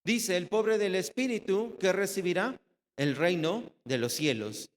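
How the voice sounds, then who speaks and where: A man preaching in a church hall whose long reverb trails after each line. His voice sits a little high for a man. He asks the congregation questions and answers them himself, and many phrases sink to a soft, low close. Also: lively intonation, a little slow. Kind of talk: sermon.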